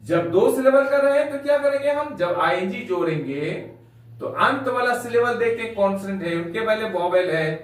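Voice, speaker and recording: Male grammar tutor, high voice, very echoey room, mic far away. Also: expressive, moderate pace. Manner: spells words out letter by letter; addresses students as dear children. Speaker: English grammar teacher. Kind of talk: classroom lesson.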